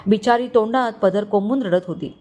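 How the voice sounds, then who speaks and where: A woman storyteller reading a scripted romantic suspense story with even delivery. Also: mid-range voice, moderate pace.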